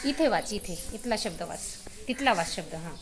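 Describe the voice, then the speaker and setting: A woman teacher running a reading game with young pupils, giving brisk directions and frequent praise. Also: mid-range voice, animated. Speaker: primary school teacher. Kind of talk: classroom reading game instruction. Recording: noisy outdoor recording.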